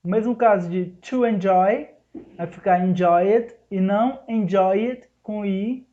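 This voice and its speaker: A man teaching an English lesson in Portuguese, explaining each rule step by step and slowing down to spell out the English examples. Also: high-pitched. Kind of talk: recorded online lesson. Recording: dull lo-fi recording.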